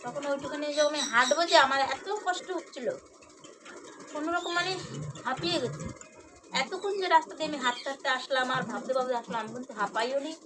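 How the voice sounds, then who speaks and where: High-voiced woman telling a ghost story. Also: quick pace, noisy background. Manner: rambling, repeats herself, addresses listeners as friends. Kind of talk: casual first-person ghost story told to viewers.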